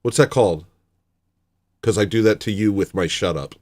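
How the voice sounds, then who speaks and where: A man's voice: fairly low pitch, moderate pace, a little mellow. A young man hosting a casual livestream from his home setup, rambling, sarcastic and self-deprecating. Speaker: livestream host.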